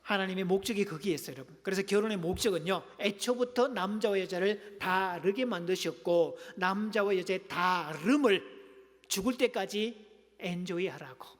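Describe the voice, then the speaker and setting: High-voiced man preaching in a reverberant hall. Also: normal speed. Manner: humorous, engaging, calls on the congregation. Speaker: pastor. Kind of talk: sermon. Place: church sanctuary. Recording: long reverb of a church hall.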